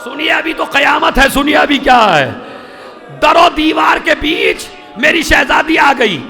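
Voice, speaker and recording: High-voiced man wailing a mourning sermon. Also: lively intonation, gravelly, sharp tone, raised voice, soft background music. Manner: wailing, chanting delivery that builds to cries; urges listeners to weep. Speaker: cleric reciting a mourning majlis.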